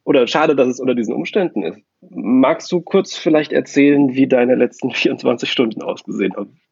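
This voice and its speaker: Host dude on a bad lo-fi phone call, gravelly and a bit raspy, super dry sound. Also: male voice, a little fast, a little mellow, dry recording. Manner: asks friendly, informal questions. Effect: low-quality phone call recording. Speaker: podcast host, interviewer. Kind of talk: casual phone interview. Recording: dry, dull lo-fi phone audio.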